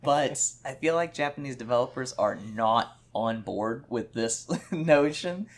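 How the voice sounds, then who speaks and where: A man co-hosting a podcast in casual chat, opinionated and animated, acting out quotes. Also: mid-range voice, measured pace. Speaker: podcast co-host.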